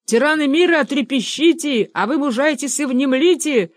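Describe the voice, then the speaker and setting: An audiobook reader voicing an excitable young man who shouts slogans in a raised, loud voice. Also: extremely high pitch, takes it slowly, dry recording, studio quality, voice pushed up, full character voice. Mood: shouting. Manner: shouting, declamatory. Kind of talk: audiobook character voice.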